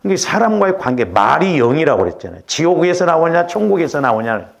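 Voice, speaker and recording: Gravelly lively male pastor preaching. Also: a little high, fast talker. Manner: conversational preaching with rhetorical checks. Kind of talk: sermon.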